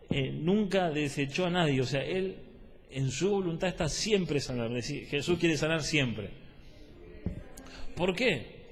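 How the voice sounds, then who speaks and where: A male preacher with a Rioplatense Spanish accent delivers a teaching sermon in a somewhat high voice. He repeats his key phrases and keeps asking the listeners whether they understand. His voice rings with long reverb, as in a church hall. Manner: repetitive, asks the listeners if they follow.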